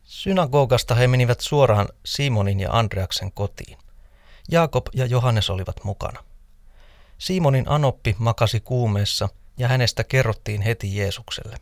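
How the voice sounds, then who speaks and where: A man reads scripture aloud in a measured, steady voice of middle pitch. The sound is close and dry, as if from a studio booth. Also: no room sound. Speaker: scripture reader.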